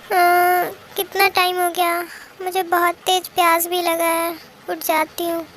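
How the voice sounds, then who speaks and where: A woman's voice: very high voice, monotone, unhurried, a bit bright, slight background noise. A woman voicing a timid, easily frightened young woman who pleads and mutters to herself in a fan-made drama dub. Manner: anxious, pleading, talking to herself.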